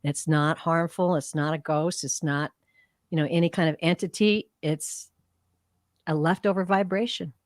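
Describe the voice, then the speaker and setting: An American woman from Idaho chatting casually as a psychic reader, telling anecdotes in an expressive, folksy way. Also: sits low, moderate pace, no room sound, clean studio sound. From Idaho, United States. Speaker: psychic reader on a live show.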